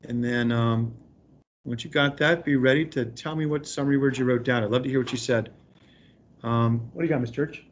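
With brisk delivery and fairly even intonation, this medium-pitched man teaches remote elementary students, reading aloud and explaining in an encouraging manner. The recording has its highs cut off.

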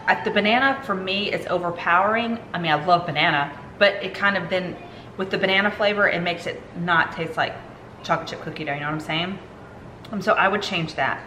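A woman's voice: on the low side, brisk. Woman, upbeat casual vlog chat, echoey, noisy surroundings. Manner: chatty, upbeat, says "y'all". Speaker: family vlogger, mother. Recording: echoey with loud outdoor noise.

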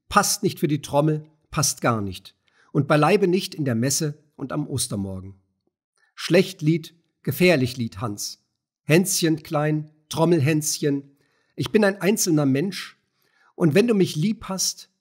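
A nervous, self-pitying gatekeeper, put on by a male audiobook reader speaks in rushed, sighing phrases. The voice is husky and sits rather high. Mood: pleading. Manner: fearful, hasty, sighing.

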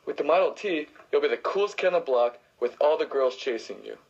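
Man, infomercial pitchman, husky voice, pushy hard sell, dull lo-fi sound. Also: lively intonation, fairly quick. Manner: hard-selling, hyped. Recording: dull lo-fi recording.

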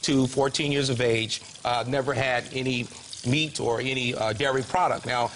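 A man's voice: mid-range voice, fairly even intonation, moderate pace, fairly bright tone. A middle-aged man, a guest chef, cooking and explaining in a folksy, upbeat way on a talk show set. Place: TV studio kitchen set with audience. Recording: studio audience and kitchen noise.

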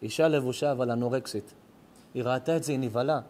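A man's voice: medium pitch, darkish tone, slight background noise. A middle-aged man, a rabbi, telling a heartfelt story in a moral sermon, his voice rising and cracking with emotion. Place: synagogue or home lecture hall.

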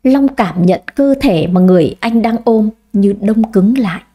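A woman reading a first-person story aloud in a measured, expressive way. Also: mid-range voice. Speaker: audiobook narrator.

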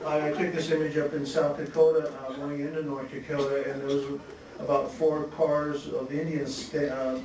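A man presenting his photographs at a symposium, talking in a relaxed, halting way with many restarts and chuckles. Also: on the high side. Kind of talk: slide talk at a symposium. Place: museum lecture hall. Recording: echoey hall, distant mic, faint hiss.

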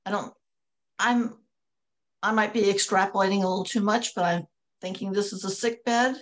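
A woman's voice: mid-range voice, steady tone, normal speed. Woman asking a question on a call. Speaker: class participant.

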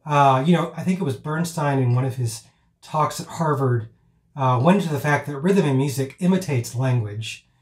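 A man's voice: medium pitch, normal speed. Man teaching in an echoey room. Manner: rambling, with many fillers and restarts; chants counts and rhythm words aloud as demonstrations. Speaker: piano teacher. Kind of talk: informal teaching talk. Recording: roomy echo.

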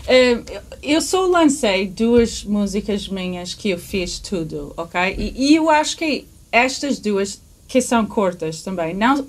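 A woman in her thirties from Canada, a guest in a small podcast studio, chatting in a halting way, often searching for words and letting phrases trail off softly. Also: mid-range voice. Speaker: guest musician. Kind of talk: casual interview chat.

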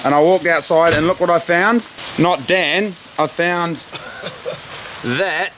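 Out in the rain beside a house, a man in his thirties with a New Zealand accent jokes bluntly in a casual vlog, holding the camera close to his face. He speaks slowly in a fairly high voice, and the low-quality recording is swamped by loud rain.

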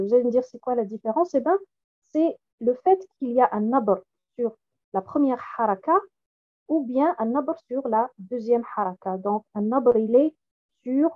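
Slow-spoken woman teaching recitation, tinny audio. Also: a little high. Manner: slow and careful, repeating each word for contrast. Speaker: Quran recitation trainer. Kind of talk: explaining pronunciation with recited examples.

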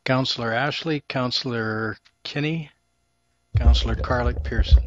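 A man chairing a city council meeting, brisk and courteous, recorded with dull lo-fi audio in a council chamber. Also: medium pitch. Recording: dull lo-fi audio with faint noise.

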